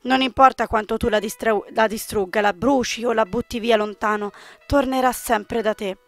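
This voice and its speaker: Woman voicing a sad gentle young man, soft, wistful, fairly high, visual novel. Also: fairly even intonation, normal speed, faint music behind, natural voice.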